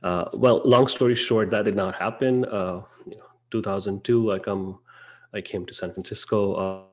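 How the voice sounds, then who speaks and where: A man's voice: on the low side, fairly even intonation, normal speed. A man in his thirties who grew up in Dubai, a podcast guest talking casually and rambling with frequent fillers. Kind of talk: podcast interview.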